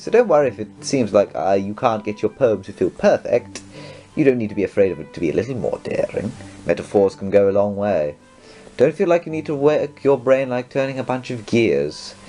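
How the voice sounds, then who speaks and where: A man voicing a shy, timid, bookish teenage girl in a let's play reading, soft and hesitant. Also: medium pitch, lightly acted.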